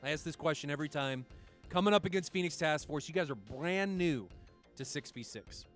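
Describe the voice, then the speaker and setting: A man calling a match live as a caster, quick and excitable, shouting at the big moments. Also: on the high side. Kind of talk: live play-by-play commentary. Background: music.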